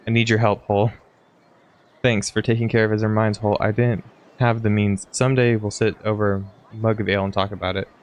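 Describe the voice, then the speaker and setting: A man reading out a gruff older guard from a game, speaking in a plain, fatherly way. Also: on the low side, little pitch movement, brisk, close to an everyday voice. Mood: warm.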